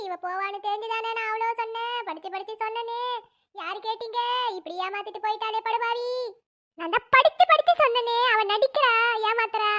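Cartoon VO: very high-pitched, rapid woman playing village mothers, scolding and melodramatic. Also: a bit bright. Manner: quick, scolding, dramatic wailing. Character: middle-aged village women, mothers and grandmother. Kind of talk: Tamil cartoon voice acting.

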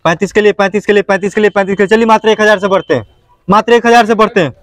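Racing along in a high voice, this man chants prices and repeats bid calls at an open-air motorbike auction. The lot around him is packed with parked bikes, and there's no echo.

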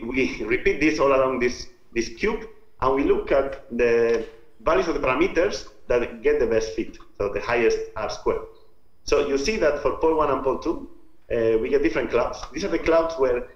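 A man from Spain's Basque Country with a Basque Spanish accent, giving an informal scientific lecture in a halting, step-by-step explanatory way. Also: mid-range voice. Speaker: researcher presenting own work. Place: remote talk over video call. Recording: muffled, roomy video-call audio.

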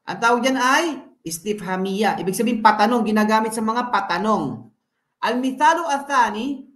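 A woman from the Philippines teaching her children at home, patiently quizzing them and drilling words slowly. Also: on the high side, a bit bright. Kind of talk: home language lesson. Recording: echoey room.

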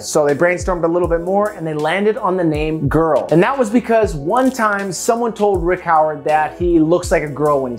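A woman with a Canadian accent narrates a scripted countdown as host, her voice sitting on the lower side. She keeps it playful and jokey, with a bit of soft music underneath. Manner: playful, jokey, laughs at own slips.

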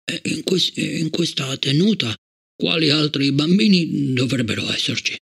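A man's voice: fairly high pitch, lively intonation, normal speed, vocal fry, fairly bright tone, husky, exaggerated voice. Man voicing an anxious, pleading old scholar. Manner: agitated, pleading, breathless. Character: anxious, stammering elderly male scholar.

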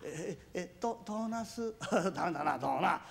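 Timid young master hawking wares, a man voicing him, high gravelly voice, rakugo. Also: animated, a bit bright, exaggerated voice. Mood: musing. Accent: Edo Tokyo. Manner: muttering to himself, stammering, drawn-out vendor cries. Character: naive disowned young master turned peddler. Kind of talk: rakugo storytelling.

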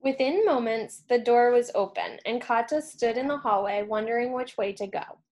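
A childcare staff member, a woman, reading a storybook aloud in an expressive storytelling manner. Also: on the high side, normal speed.

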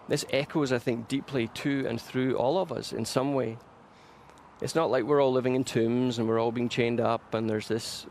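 A man's voice: mid-range voice, darkish tone, slight background noise. A male pastor preaching a sermon, earnest and emphatic, building momentum through repeated phrases. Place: church.

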